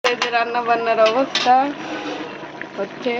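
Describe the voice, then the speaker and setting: Her voice on the high side and level in tone, a woman with a Pabna Bengali accent keeps up a moderate pace as she chats directly to viewers during a casual home vlog about picnic cooking in regional dialect. The audio has its highs cut off, and background noise is audible.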